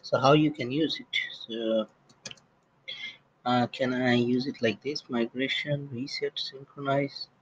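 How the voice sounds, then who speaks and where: A man giving a casual screen-recorded software tutorial as an instructor, thinking aloud with frequent restarts and fillers. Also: mid-range voice, fairly even intonation, a little slow, slightly rough, highs cut off. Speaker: SAP instructor.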